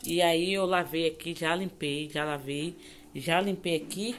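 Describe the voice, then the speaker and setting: A woman's voice: sits low, a little slow, slight background noise. A woman with a Bahian accent chatting casually in a home vlog, cooking in her kitchen and cooing affectionately at a baby. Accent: Bahian Brazilian Portuguese. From Bahia, Brazil. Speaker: home vlogger.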